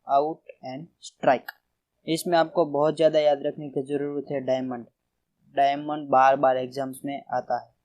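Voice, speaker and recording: A man's voice: medium pitch, darkish tone, poor audio. A man teaching a general knowledge revision lesson, reading out word lists and stressing each term. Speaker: quiz teacher.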